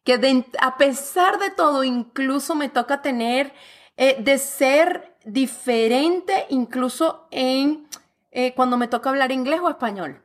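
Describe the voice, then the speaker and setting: A woman from Venezuela with a Venezuelan accent, speaking as a guest in a relaxed, expressive conversation. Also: high voice, slow pace. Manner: lively, expressive, talks with her hands. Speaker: guest author. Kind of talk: casual conversation. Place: lives in Canada.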